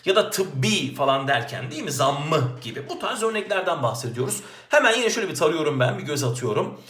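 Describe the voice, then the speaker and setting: A male teacher with a high voice solves exam questions aloud and swoops all over his range. He keeps asking himself questions and then answers them at once. The sound has a clear room echo. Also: a little fast. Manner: lively, talks to himself, asks and answers his own questions. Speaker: Turkish language teacher. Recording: roomy echo.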